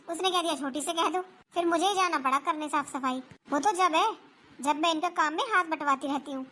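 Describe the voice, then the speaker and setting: Skit figure: high, bright voice doing a grumbling older mother-in-law, complaining and self-pitying, faint hiss behind. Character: nagging older mother-in-law with aching knees. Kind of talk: family comedy skit.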